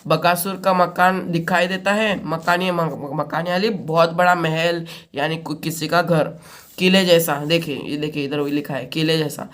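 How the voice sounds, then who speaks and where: A woman's voice: low-pitched, steady tone, moderate pace. A woman teacher reading a school play aloud and stopping to explain words to her students.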